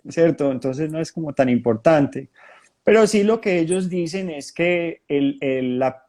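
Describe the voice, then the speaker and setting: A man giving a talk at a spiritist centre, telling his experiences as a hypnotherapist in a lively, storytelling way with frequent restarts. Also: mid-range voice. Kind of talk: testimonial talk to an audience.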